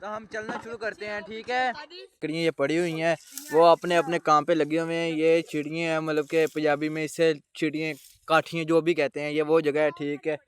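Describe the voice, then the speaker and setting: A man's voice: on the high side, steady tone, normal speed, clear, resonant tone. A man, vlogging casually outdoors on a farm, talking straight to viewers and calling out to helpers. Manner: chatty, addresses viewers directly, calls out to helpers. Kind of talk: casual vlog commentary while working outdoors.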